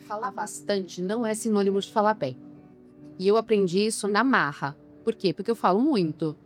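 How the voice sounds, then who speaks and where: A communication coach who trains people in public speaking is interviewed on a podcast, with faint music behind her. Her voice is medium-pitched at a normal speed, and she speaks emphatically, often posing rhetorical questions.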